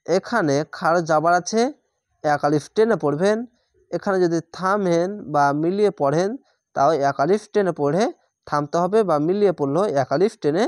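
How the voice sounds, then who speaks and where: A man teaching Quran reading, sounding out each syllable slowly and drawing out the vowels before repeating whole words. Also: fairly high pitch, no echo, studio quality. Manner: slow, drawn-out syllable-by-syllable spelling and repetition. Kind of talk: spelling out Quran recitation lesson.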